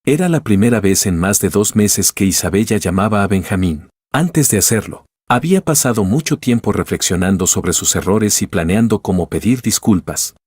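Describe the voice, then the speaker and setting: Male narrator for a drama story, low and slightly husky, measured reading. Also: lively intonation, a little mellow, no room sound, clean studio sound.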